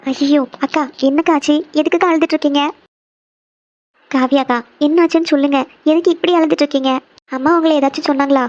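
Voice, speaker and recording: A woman's voice: sits high, steady tone, fast talker, darkish tone, lightly acted. A woman voicing a caring younger cartoon sister, a young office worker, who anxiously keeps pressing her older sister with questions. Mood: concerned. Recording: dull lo-fi sound.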